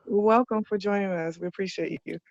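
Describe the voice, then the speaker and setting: A woman's voice: mid-range voice, fairly even intonation, fairly quick, gravelly, a little mellow, no echo. Brief: woman coordinator, upbeat and casual, greets students over muffled call audio, dry. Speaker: program coordinator. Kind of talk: welcoming students on a video call. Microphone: video call.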